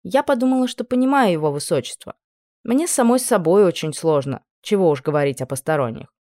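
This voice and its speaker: A woman narrating a first-person novel in a lively, ironic manner. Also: lowish voice, a little fast, no room sound. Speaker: audiobook narrator.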